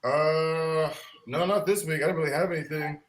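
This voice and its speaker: A man co-hosting a podcast, talking in quick, relaxed slang. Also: a little high, roomy sound, background noise. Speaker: podcast co-host. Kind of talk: casual chat.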